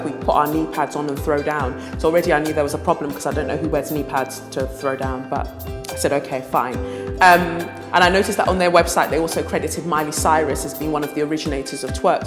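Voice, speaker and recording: Echoey, low-voiced woman. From moved to Britain at age five. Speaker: dance fitness instructor. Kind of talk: personal storytelling in documentary interview. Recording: echoey reverberant room, music behind. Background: music.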